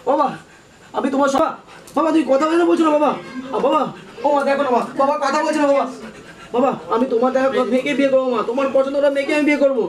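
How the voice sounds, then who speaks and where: A man acting as a guilt-stricken young son, begging his stricken father to wake up in a strikingly high, quick, repetitive plea. The voice is caught from a distance in a roomy space with noise behind it, like an amateur short film. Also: fairly even intonation. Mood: frantic pleading. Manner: pleading, repeats "baba" over and over. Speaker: lead actor. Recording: roomy, distant, noisy home recording.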